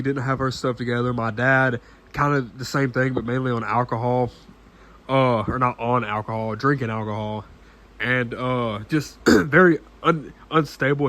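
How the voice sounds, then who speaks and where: A nineteen-year-old man talking casually to camera in an earnest, halting way, full of restarts and fillers, often clearing his throat. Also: medium pitch, a bit bright. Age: late teens. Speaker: vlogger.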